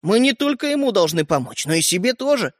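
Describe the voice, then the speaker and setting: A woman voicing an impatient, hot-tempered schoolboy brother in an audiobook, insistent and forceful. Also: mid-range voice, sing-song, dry recording. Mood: determined. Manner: insistent, shouting, slow and forceful. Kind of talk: audiobook character voice. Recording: dry close recording.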